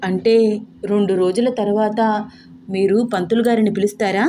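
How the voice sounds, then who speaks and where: A woman's voice: mid-range voice, fairly even intonation, moderate pace, dark tone, slight background noise, close to an everyday voice. A woman voicing a cheerful, clever young woman who talks politely and playfully.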